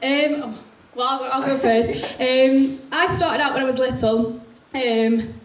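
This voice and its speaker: A young woman answers questions in a friendly, modest way. Her voice sits on the higher side. It is picked up from afar in an echoey room, with faint noise. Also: fairly even intonation, slow. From Manchester, England. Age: 20s. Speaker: actress on a panel. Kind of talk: casual Q&A answers. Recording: echoey hall from far off.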